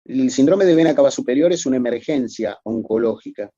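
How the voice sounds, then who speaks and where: A man's voice: mid-range voice, lively intonation, a little fast, mellow, dry recording, lo-fi sound. A man giving a recorded medical lecture, explaining methodically and addressing students formally.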